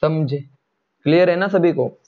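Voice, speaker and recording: A man teaching a chemistry lecture online in speech, coaxing students to answer and drawing out formula terms slowly. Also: a little high, phone-quality sound.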